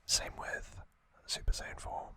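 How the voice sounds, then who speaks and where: Whispered fan commentary comes from a man in his thirties acting as an ASMR host; his delivery is soft and leisurely, with long pauses.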